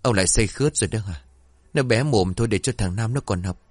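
A man's voice: fairly low pitch, fast, a little mellow, no echo, clean studio sound, close to an everyday voice. A man voicing a poor, devoted mother who pleads tearfully and speaks tenderly to her son. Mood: pleading.

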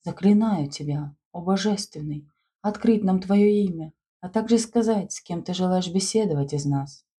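A woman's voice: on the low side, moderate pace, warm tone, breathy edge. A woman voicing a fervent, commanding schoolgirl who leads a séance and addresses the spirit. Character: exalted schoolgirl leading a séance.

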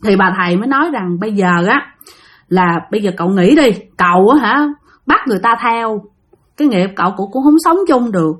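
A woman's voice: medium pitch, animated, a little fast. A woman with a Southern Vietnamese accent telling a ghost story in a chatty, repetitive way, often turning to address her listeners.

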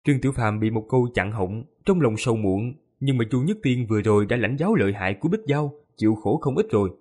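Expressive male audiobook narrator, husky. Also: mid-range voice, fast. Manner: lively, expressive storytelling. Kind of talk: audiobook narration of a fantasy novel.

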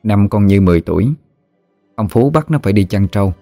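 A man telling a ghost story, in a relaxed, folksy way. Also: on the low side, brisk, dry recording, faint music behind.

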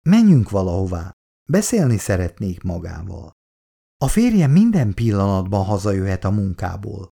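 A woman's voice: extremely low pitch, very animated, vocal fry, mellow, husky, exaggerated voice. A man voicing a hesitant young wife. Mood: urgent. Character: hesitant young married woman.

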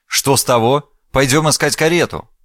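A man voicing an impatient professor-mage with brisk, dismissive speech, in an audiobook. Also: medium pitch, fairly bright tone, no room sound, studio quality, pitched above the performer's own voice, natural voice.

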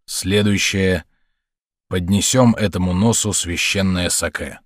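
A grumpy, lazy homeowner who speaks bluntly and grumbles, as a male reader plays him. His voice stays low and plain in a storybook. The sound is close and dry. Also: fairly even intonation, unhurried, no room sound. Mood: deadpan.

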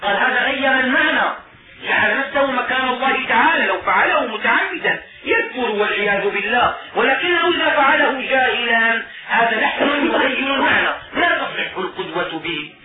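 High-voiced man teaching a religious lesson. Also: lively intonation, a loud crowd. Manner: explanatory, spells out sounds slowly and repeats examples. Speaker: lecturer on Islamic jurisprudence. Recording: roomy phone-quality recording of a distant speaker before an audience.

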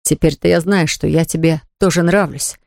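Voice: mid-range voice, steady tone, moderate pace, creaky, darkish tone, no echo, studio quality, close to an everyday voice. A reader voicing an ardent young man who earnestly begs his sweetheart. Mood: imploring. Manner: earnest, imploring.

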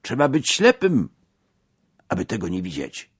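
Brief: a man voicing an impassioned delegate at a meeting, husky, animated pitch, slow and deliberate. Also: dry recording, clean studio sound, full character voice. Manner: emphatic, declamatory oratory. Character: zealous male workers' delegate giving a speech.

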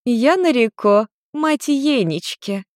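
A woman's voice: a little high, lively intonation, slow, dry recording, studio quality, pitched above the performer's own voice. A woman putting on a tipsy, teasing witch mother. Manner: slurred, drawling, teasing.

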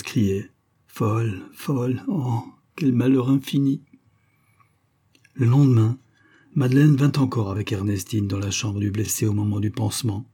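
A man reading a serial novel aloud as an audiobook, with measured, expressive phrasing in short clauses. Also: lowish voice, breathy edge. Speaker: audiobook narrator.

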